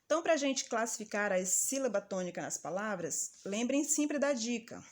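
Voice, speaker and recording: A woman's voice: on the high side, animated, normal speed. Patient woman teaching a lesson. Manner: patient and didactic, calls out example words drawn out. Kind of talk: recorded grammar lesson for children.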